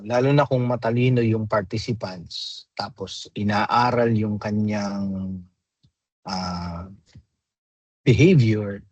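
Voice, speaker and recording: A man lectures slowly to a graduate class, his voice a little husky. He explains step by step and keeps checking in with his students through tag questions. The sound is dry and dull, like lo-fi video-call audio. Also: medium pitch, a little mellow, dry recording. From Philippines. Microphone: computer mic in a video call.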